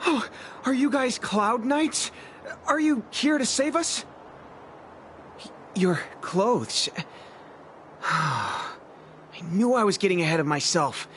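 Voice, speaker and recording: A man's voice: high voice, lively intonation, slow, long pauses, fairly bright tone, a little hiss or hum, heavily acted. An actor playing an anxious young male apprentice craftsman, talking in an earnest, worried way in a video game scene. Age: young adult. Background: faint game music.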